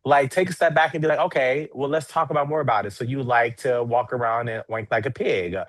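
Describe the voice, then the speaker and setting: A man's voice: mid-range voice, fairly even intonation, fairly quick, no echo. A man co-hosting a podcast in casual chat, who leads the discussion and acts out scenarios with quoted voices. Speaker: podcast co-host.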